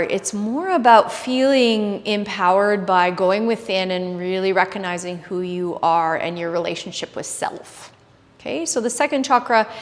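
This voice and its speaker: A woman yoga instructor giving an informal explanation to a class, speaking in halting phrases. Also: mid-range voice. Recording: reverberant hall-like room echo.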